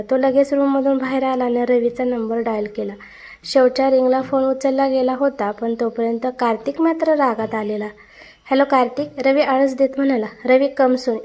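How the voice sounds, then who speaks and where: A woman's voice: high voice, darkish tone. Woman reading an emotional family story. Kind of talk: scripted narration of a family drama.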